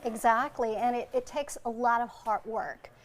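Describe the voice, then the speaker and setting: A woman's voice: on the high side, normal speed. A woman from Vietnam, a functional medicine doctor and TV interview guest, telling her story in an earnest, heartfelt way. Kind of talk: TV interview answers.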